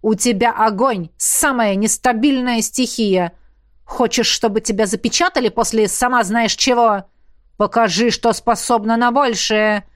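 A woman voicing a gruff, burly male academy coach who barks orders at his students. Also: a little high, steady tone, unhurried, no echo, clean studio sound, natural voice. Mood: barking. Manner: barking commands, shouting. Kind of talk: audiobook character voice.

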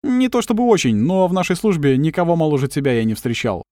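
A man's voice: on the high side, big pitch swings, fast, mellow, no room sound, pitched above the performer's own voice. A man voicing a confident, wry adult male agent who teases his partner in a dry way. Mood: confident teasing. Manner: dry teasing, self-assured.

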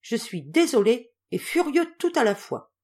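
Woman doing an excitable old general. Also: fairly high pitch, unhurried, pitched above the performer's own voice. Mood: agitated. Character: old excitable Russian general, warm-hearted.

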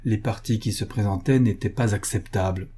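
Male audiobook narrator, measured and steady, warm husky timbre. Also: fairly low pitch.

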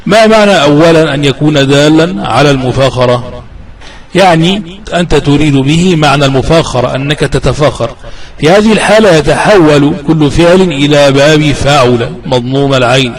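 Male teacher with a slightly high voice for classical grammar lessons. He is deliberate, repetitive and drawn out on examples, and he poses questions and answers them himself. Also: low-quality recording. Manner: slow, deliberate drawing-out of example verb forms; repeats key rules for emphasis. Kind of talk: explanatory lecture on classical grammar.

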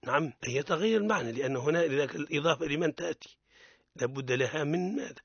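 A man's voice: fairly high pitch, quick pace, vocal fry, breathy edge, dry recording, highs cut off. A man with a Tunisian accent teaching Quran recitation on radio, correcting pronunciation and modelling words for students to repeat. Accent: Tunisian Arabic.

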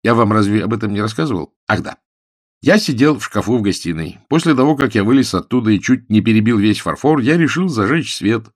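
A man's voice: lowish voice, lively intonation, a little fast, no room sound, clean studio sound, pitched above the performer's own voice. A man voicing an impulsive young man in love who talks eagerly and keeps pressing his point. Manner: eager, insistent, repeats himself.

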